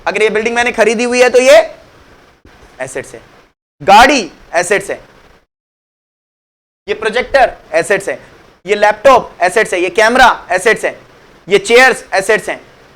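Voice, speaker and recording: Man teaching accounts, high voice, chatty lecture, asks and answers his own questions, mixes in english. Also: moderate pace, pauses often, fairly bright tone. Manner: mixes English phrases into Hindi; calls students "beta" affectionately. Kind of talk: classroom lecture.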